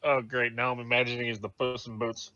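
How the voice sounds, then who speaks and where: A man's voice: medium pitch, little pitch movement, a little fast, bright, forceful tone, dry recording. A man playing a tabletop game, speaking tentatively and unsure, on a muffled lo-fi mic. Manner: tentative, uncertain phrasing. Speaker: player. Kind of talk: casual tabletop role-play.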